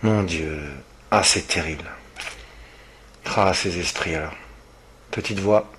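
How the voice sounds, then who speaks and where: A man's voice: low voice, slow, a bit bright, slight background noise. A man, a paranormal investigator, thinking aloud in amazed exclamations as he reviews his own recordings. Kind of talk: excited commentary while analysing recordings.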